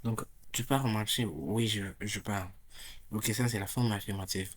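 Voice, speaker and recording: A man teaching an English grammar lesson in French, repeating drill phrases slowly and loudly, with many fillers and restarts. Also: on the low side, steady tone.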